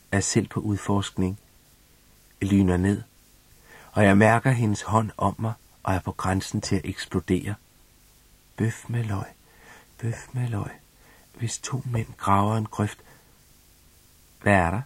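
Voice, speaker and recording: Low husky man reading a novel. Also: no echo. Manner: intimate, confessional storytelling. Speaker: audiobook narrator. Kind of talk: first-person novel reading.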